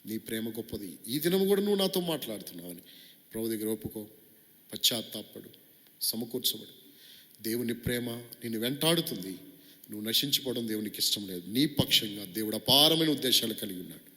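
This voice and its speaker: A man preaches with fervor, his voice rising to urgent calls and dropping to quiet pleading. His tone is bright and forceful, and long reverb from a large hall trails after every phrase. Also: medium pitch, animated, fast talker. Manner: impassioned preaching, swinging between loud exhortation and hushed pleading. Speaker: pastor. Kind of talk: sermon and prayer.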